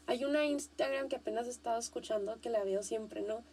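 A young Mexican woman chats casually on her podcast, high-pitched yet with a mellow, darkish tone. She talks in an animated, slangy way, often repeating a point for emphasis. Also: brisk, a little hiss or hum. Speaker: podcast host.

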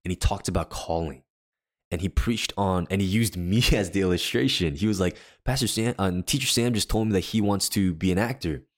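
This man, a worship leader and podcast co-host with a deep voice, briskly relates a personal tale in informal chat. He wanders, with lots of fillers and restarts along the way.

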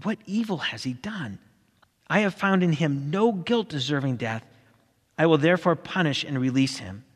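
A man reading Pilate, measured. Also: a little high, lively intonation, long reverb tail, voice pushed up. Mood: reasoning. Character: Roman governor, measured and reasoning.

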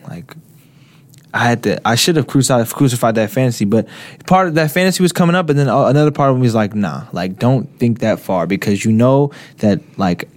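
A young man co-hosting a casual podcast chat, animated and laughing often, given to repeating phrases. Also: medium pitch, fast talker. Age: young adult. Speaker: podcast co-host.

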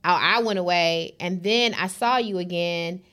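A woman's voice: on the low side, a little slow, bright, forceful tone. Effusive woman podcast host. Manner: effusive, repeats compliments, many affirming mm-hmms. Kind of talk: casual interview chat.

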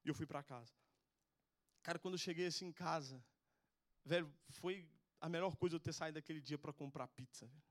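A man's voice: on the high side, a little fast. A young man with a Brazilian Portuguese accent, preaching and telling a personal testimony in a casual, slangy way. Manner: casual slangy storytelling, says "velho" a lot. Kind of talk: testimony sermon.

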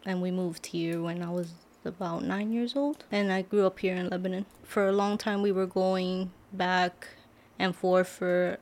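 A young adult woman from Brooklyn, New York, an author and medical assistant, is a guest in a casual podcast studio interview, sprinkling in many "like" fillers. Her voice is fairly low and darkish, steady in tone and a little slow.

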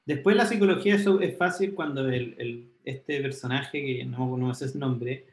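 A man's voice: medium pitch, moderate pace. Chilean man in an echoey room. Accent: Chilean Spanish. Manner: animated, slangy, retells scenes with acted quotes. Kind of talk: casual anime discussion.

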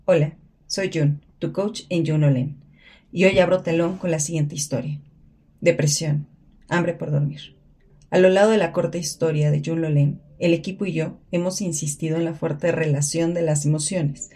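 Earnest woman coach, low warm voice. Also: breathy edge. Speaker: health coach and podcast host. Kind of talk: scripted narration.

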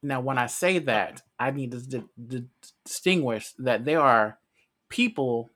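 A man's voice: medium pitch, animated, unhurried, fairly bright tone. An American man co-hosting a casual podcast, explaining his views earnestly and at length, often restarting his phrases. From United States. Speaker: podcast co-host.

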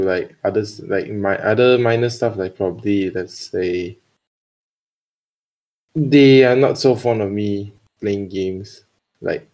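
A man's voice: lowish voice, a little mellow, rough recording. A young man with a Singaporean accent, a podcast guest chatting casually and hesitantly in colloquial Singlish. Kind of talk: casual chat.

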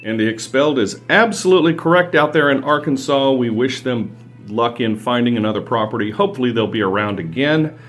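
A man's voice: medium pitch, animated, a little fast. A man hosting a show in a folksy, showman-like way, announcing with emphatic phrasing. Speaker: radio show host. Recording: faint music behind the voice.

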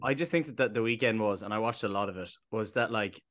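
A man's voice: fairly low pitch, fairly bright tone. A man co-hosting a golf podcast, telling stories enthusiastically in casual chat. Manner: fast storytelling, enthusiastic. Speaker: podcast co-host.

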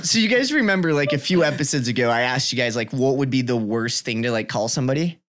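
Male podcast co-host, animated, loose and crude in casual banter. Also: mid-range voice, quick pace. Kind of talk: casual chat.

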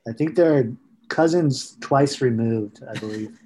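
A man's voice: mid-range voice, measured pace, dark tone. Rambling jokey man on a podcast. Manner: rambling, jokey, puts on goofy voices. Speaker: podcast co-host. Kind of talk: casual banter.

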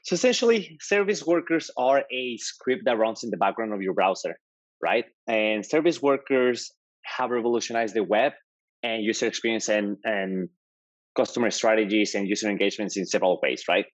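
Speaking at a normal speed with a lowish voice and lively intonation, this developer advocate from Mexico is a guest in a relaxed tech interview. He has a Mexican Spanish accent, sounds enthusiastic, and keeps asking "right?". The lo-fi audio has no echo.

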